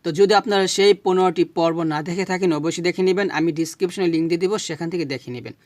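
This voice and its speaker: A man teaching Quran recitation, spelling out Arabic syllables slowly and correcting pronunciation. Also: high-pitched, a little mellow, no room sound.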